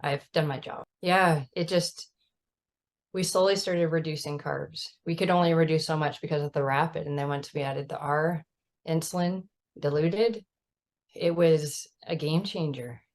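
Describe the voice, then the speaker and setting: A woman's voice: low-pitched, fairly even intonation, a little slow. A mother of a child with type 1 diabetes, talking earnestly and emphatically in a casual chat over a video call, often adding "right?". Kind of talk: casual conversational storytelling.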